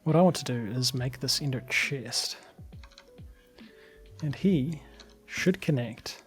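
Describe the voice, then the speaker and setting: A slightly hoarse man giving casual, chatty commentary as he plays a game, thinking aloud. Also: mid-range voice, takes it slowly, faint music behind. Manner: chatty, thinks aloud with fillers and small laughs. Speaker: let's play gamer.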